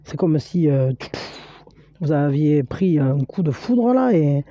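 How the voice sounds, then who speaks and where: In a deep, animated voice, a woman delivers a spiritual tarot reading to the viewer, encouraging yet halting, with lots of fillers and restarts. The recording is dry and muffled.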